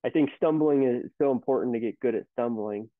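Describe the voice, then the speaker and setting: This thirty-something CEO has a medium-pitched, brisk delivery as he tells rambling stories in a casual interview, restarting many times. It's a dry, echo-free recording with a thin, phone-like quality.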